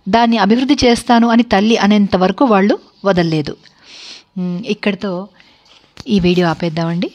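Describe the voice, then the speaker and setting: A woman narrating a family story for an online video in a calm, steady manner. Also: medium pitch, moderate pace, long pauses, dull audio.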